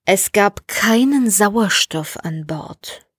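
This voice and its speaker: A woman voices a gruff old spaceship commander in this storybook reading, slow, flat and curt, laying out cold logic. The recording is dry and close. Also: medium pitch, dry recording. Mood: skeptical. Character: grumpy old male ship commander, gruff.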